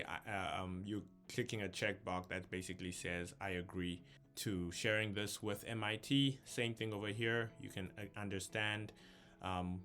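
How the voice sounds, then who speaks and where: A young man from South Africa, a YouTuber, casually narrates a screen-share walkthrough of an online application while thinking aloud and saying um often. His voice is fairly low and a bit bright.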